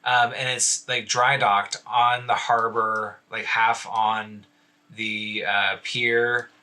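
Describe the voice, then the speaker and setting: A man's voice: lowish voice, flat delivery, takes it slowly, sharp tone. A man narrating as dungeon master, rambling loosely with many fillers. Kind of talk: narrating a tabletop game.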